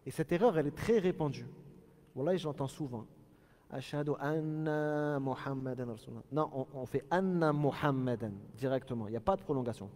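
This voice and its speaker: A man teaches a religious lesson in a mellow, relaxed voice, carried by a long reverb. He explains patiently and spells out Arabic phrases slowly, repeating each one to show how it is pronounced. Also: mid-range voice. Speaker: Islamic teacher.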